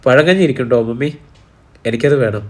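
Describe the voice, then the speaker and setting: A man voicing an impulsive young woman, a nursing student, who pleads and complains quickly in an audiobook. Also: medium pitch, expressive, close to an everyday voice. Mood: complaining.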